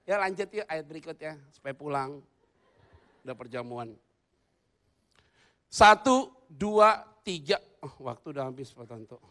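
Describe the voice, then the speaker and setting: A male pastor delivers a humorous sermon in church, swinging between loud, excited bursts and quiet asides. His voice sits at medium pitch, and his pace is brisk.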